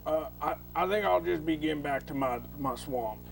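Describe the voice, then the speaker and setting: A man's voice: fairly high pitch, normal speed, creaky, slight background noise. A man playing a feisty, ornery backwoods moonshiner with a folksy drawl in a comedy audio drama. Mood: wary, hesitant.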